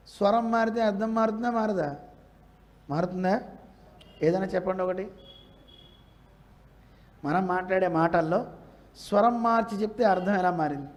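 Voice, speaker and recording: Male preacher, high voice, Telugu accent, quizzes listeners, acts out quotes, spiritual discourse. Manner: questions the audience, acts out quoted lines. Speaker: religious teacher. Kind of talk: Bhagavata discourse to a live audience.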